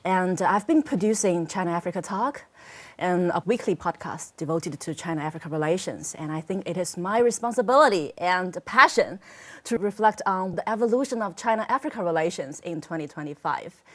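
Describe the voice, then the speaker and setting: A woman hosting a conversational podcast, speaking in a friendly, unhurried way with a few fillers. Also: fairly low pitch, animated. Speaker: podcast host.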